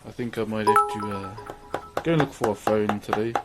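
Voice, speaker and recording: A man's voice: on the low side, normal speed, loud music behind the voice. A man with a broad New Zealand accent chatting casually on a livestream in a laid-back, matey, slangy way. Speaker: livestream host.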